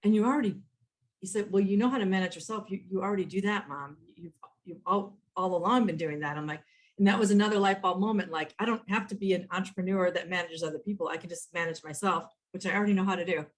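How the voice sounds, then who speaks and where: Guest, woman, 50s, rapid and animated storyteller on a video call, self-quoting. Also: on the low side. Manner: animated, quotes herself, frequent restarts. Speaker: guest, author and entrepreneur. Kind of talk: conversational storytelling.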